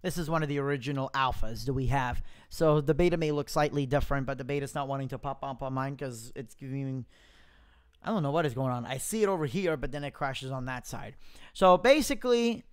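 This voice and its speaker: Clear-voiced man, casual tech demo. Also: mid-range voice, a little fast. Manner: informal, thinking aloud. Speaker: software demo presenter. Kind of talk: casual live screen-share tutorial. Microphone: close mic without pop filter, popping plosives.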